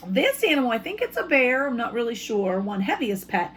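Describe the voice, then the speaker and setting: In a slightly high voice, a woman talks briskly as an elementary school teacher, reading aloud to children in simple, expressive language and asking them questions.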